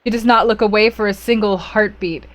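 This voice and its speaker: A woman's voice: mid-range voice, fairly even intonation, brisk. A woman streaming a strategy game live. She reads the event text aloud, reacts with playful exclamations and talks to her chat.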